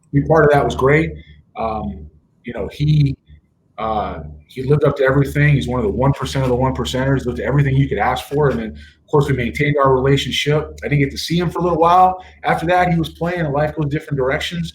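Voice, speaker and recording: A man's voice: medium pitch, quick pace, a little hiss or hum, low-quality recording. A man being interviewed, talking earnestly with many fillers and restarts as he tells stories and acts out quoted dialogue. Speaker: interview guest, baseball executive. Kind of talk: casual interview storytelling.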